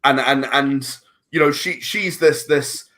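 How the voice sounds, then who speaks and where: Taking it slowly, a man with a mid-range, fairly bright voice speaks as an interview guest on a podcast. A filmmaker and writer of audio dramas, he rambles casually and repeats words as he works out what to say.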